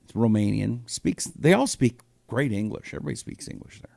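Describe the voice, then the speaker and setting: A man in his fifties with an American accent hosts a political talk show, reading listener comments in casual live commentary that rambles along with plenty of rhetorical questions. His medium-pitched voice is expressive, mellow and a little fast, with some vocal fry. The studio sound is clean, with no echo.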